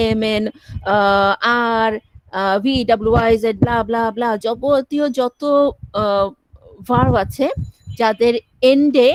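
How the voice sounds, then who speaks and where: High-voiced woman teaching class. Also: no room sound, rough recording. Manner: explains step by step, often checks understanding. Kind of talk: classroom lecture.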